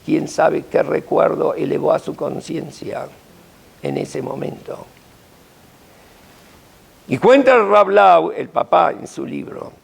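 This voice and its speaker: An older man, a rabbi, preaching a sermon with dramatic, emphatic storytelling and sudden swings in pitch. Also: slow, vocal fry, long pauses, slightly rough.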